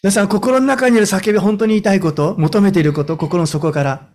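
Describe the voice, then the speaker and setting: A man's voice: high voice, steady tone, fairly quick, darkish tone. A man in his fifties preaching a sermon as a pastor, stressing points with rhetorical questions and then easing into a personal story. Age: 50s.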